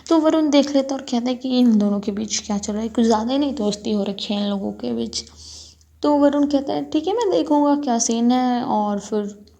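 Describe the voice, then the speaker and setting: A woman telling a story in a quick, chatty way, stringing events together loosely. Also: a little high, gravelly, dark tone. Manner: quick, chatty retelling with frequent "to" connectors. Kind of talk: casual spoken storytelling.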